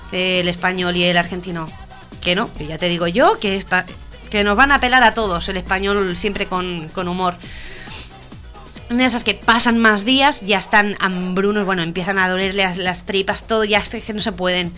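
Animated Spanish woman telling a joke. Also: medium pitch, moderate pace, faint music behind. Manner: animated joke-telling with shouted character voices and gunfire sounds. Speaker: radio comedy co-host. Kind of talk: telling a joke with acted voices.

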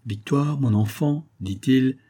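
A man's voice: mid-range voice, slow, dark tone, pitched above the performer's own voice. A man doing a cold, stern aristocratic father. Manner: cold and curt.

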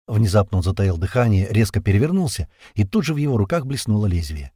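A man narrating an audiobook in a steady, tense, vivid storytelling manner. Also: on the low side, fast talker, slightly rough, no room sound, clean studio sound.

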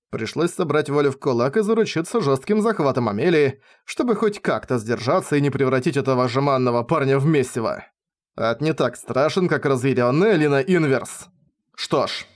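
A man narrating a fantasy novel as an audiobook reading, in lively first-person storytelling. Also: medium pitch.

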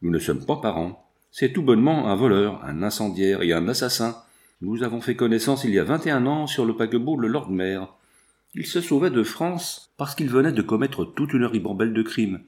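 A man's voice: mid-range voice, expressive, normal speed, a little mellow, close to an everyday voice. A man voicing a scheming male villain who taunts and gloats in a read-aloud novel. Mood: gloating.

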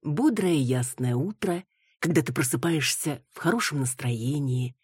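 A woman narrating an audiobook in an even, measured reading. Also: low-pitched, slightly rough, no room sound, clean studio sound.

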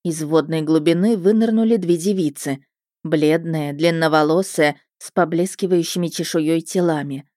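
A woman narrating a first-person story in a lively, expressive way. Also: low voice, normal speed, dry recording, clean studio sound. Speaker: audiobook narrator.

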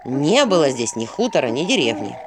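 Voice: medium pitch, big pitch swings, brisk, background noise, pitched below the performer's own voice, natural voice. A reader voicing a grumpy male talking owl from a fairy tale, gloomy and wary, muttering crude remarks. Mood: grumbling. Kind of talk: audiobook character voice.

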